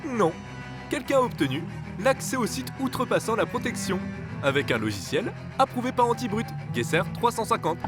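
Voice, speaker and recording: A man's voice: high voice, very animated, normal speed, over music. A man playing a composed, shrewd cartoon father who speaks in a formal, precise, dryly ominous way. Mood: probing. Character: composed, shrewd, calculating father at a poker table. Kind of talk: animated cartoon dialogue.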